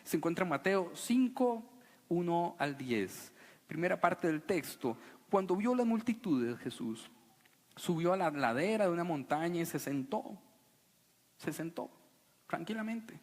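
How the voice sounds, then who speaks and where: A man preaching a sermon to a congregation, animated and playful, sometimes mocking a solemn preaching voice. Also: high voice, a little slow. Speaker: pastor. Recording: long reverb of a church hall.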